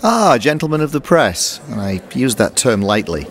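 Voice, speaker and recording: An actor playing a quirky, eager traveller known as a doctor, flippant and wry, in an audio drama. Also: male voice, mid-range voice, sing-song, moderate pace, a bit bright.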